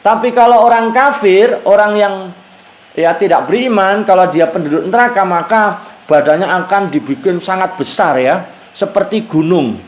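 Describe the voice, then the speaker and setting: A man's voice: high voice, moderate pace. A male Islamic teacher explaining Quran verses to a women's study group, patiently repeating key phrases and chanting Arabic verses. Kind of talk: Quran exegesis class. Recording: echoey room.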